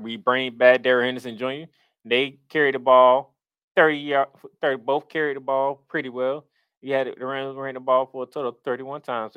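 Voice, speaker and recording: A man's voice: mid-range voice, fairly bright tone, smooth, dry recording. A man hosting a sports podcast as a fan, sounding disgruntled and complaining, emphatic and then dropping into asides. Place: podcast recorded in Florida.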